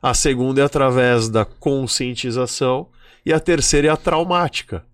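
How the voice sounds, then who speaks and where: A man with a mid-pitched voice lays out his points calmly and methodically, like a teacher. The sound is close and dry. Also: moderate pace, smooth, no echo. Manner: calm, explanatory, teacherly. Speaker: guest, mastermind instructor. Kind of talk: casual chat.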